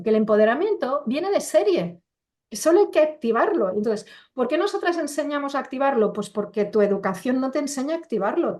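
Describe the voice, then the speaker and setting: Emphatic middle-aged woman, higher voice. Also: a little mellow. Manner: emphatic, full of rhetorical questions; acts out quoted voices while explaining. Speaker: interview guest, coach. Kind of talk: casual conversational interview. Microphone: computer video call.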